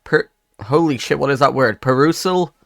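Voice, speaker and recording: A man's voice: medium pitch, normal speed, vocal fry, a bit bright, no echo, clean studio sound. A man casually commenting while playing a game, chatty and self-mocking, now and then swearing. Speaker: gamer reading a visual novel aloud. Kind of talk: casual let's play commentary. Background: game music.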